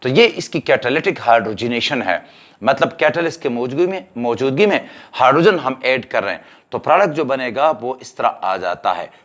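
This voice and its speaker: A man's voice: mid-range voice, animated, normal speed, fairly bright tone. Man teaching chemistry step by step. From Pakistan. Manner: explains step by step, mixing in English terms. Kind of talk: exam-prep lecture.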